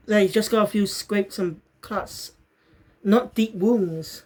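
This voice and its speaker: A woman chats through an episode recap in a loose, unscripted way. She often stops to correct herself mid-sentence. Her voice sits at an ordinary middle pitch. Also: slow pace, darkish tone. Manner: rambling, self-correcting, bursts into fits of laughter. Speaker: show reviewer. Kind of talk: casual spoken review.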